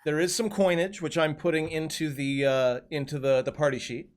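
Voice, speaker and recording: A man running a tabletop game as game master, with a relaxed manner and many ums and restarts. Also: fairly high pitch, moderate pace.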